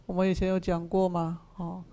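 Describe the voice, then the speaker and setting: Patient sutra lecturer, mid-pitched and unhurried; repeats key phrases and works through Pali terms for a class. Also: completely flat delivery, dark tone. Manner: patient explaining of Pali terms, asks and answers own questions. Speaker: Buddhist sutra teacher. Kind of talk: explanatory dharma class lecture.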